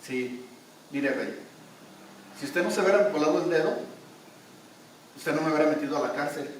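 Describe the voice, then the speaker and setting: Calm faithful servant guy , preacher doing him, soothing, lots of room echo. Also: a little high, moderate pace, a little hiss or hum, natural voice. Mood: explaining. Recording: echoey church hall, distant mic.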